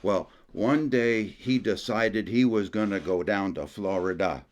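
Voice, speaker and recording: Brief: man putting on an Acadian French storyteller, deep-voiced, folksy and rambling. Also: unhurried, natural voice. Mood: folksy storytelling. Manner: folksy, rambling, tacks "there" onto phrases.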